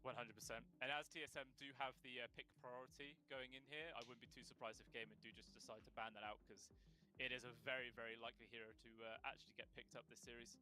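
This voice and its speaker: A man casting an esports draft, relaxed and quick to laugh in banter. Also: mid-range voice, soft background music. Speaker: esports caster. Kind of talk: casual draft commentary.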